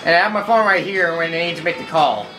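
A man's voice: fairly high pitch, expressive, quick pace, over music, rough recording. A man casually narrating a driving game, rambling and joking at himself while role-playing his character. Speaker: gameplay commentator.

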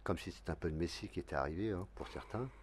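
A local election candidate in his fifties speaks very fast in a low voice, rambling and restarting often through a televised studio debate. He's seated at a desk in a dark TV studio, picked up by a desk mic, with slight background noise.

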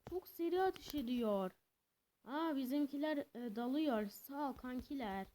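A young woman giving casual, excitable commentary while playing a video game, swinging between cheering and complaining. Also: high-pitched, unhurried, heavy background noise. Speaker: gameplay commentator.

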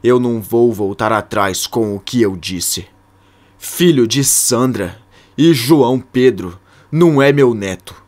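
A man with a Brazilian accent voicing an angry older male farmer in a wheelchair, with a raised, shouting delivery. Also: medium pitch, takes it slowly, natural voice. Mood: furious.

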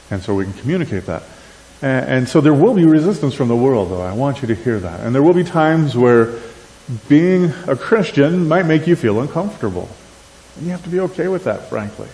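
A middle-aged man with an Upper Midwestern accent, giving a conversational sermon and asking the crowd questions. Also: mid-range voice. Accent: Upper Midwestern American. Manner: animated, asks the crowd questions, gestures while talking. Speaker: conference speaker. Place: church sanctuary. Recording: church hall with long reverb, faint hiss.

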